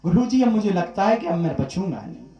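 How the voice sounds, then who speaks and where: A man's voice: high-pitched, very animated, brisk, gravelly, warm tone, dull audio, heavily acted. A man preaching, voicing a humble, dying young male disciple who weeps and pleads weakly. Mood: weak pleading. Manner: weeping, pleading, weak. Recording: echoey hall.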